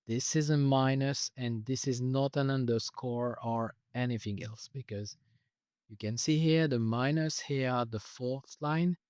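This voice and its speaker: Walking through his self-built software on a casual screen recording, a man stumbles along with many "uh"s and restarted sentences. His moderately pitched voice has a worn quality, as if he's losing it. The sound is dry and close-miked, free of any room tone.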